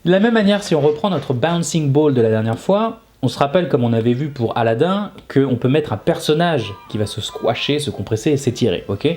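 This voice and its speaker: This animation lesson host speaks at medium pitch with a darkish tone, fairly quick and expressive, hardly pausing at all. His explanations are casual and informal, sprinkled with small tag words, as befits a teacher making videos.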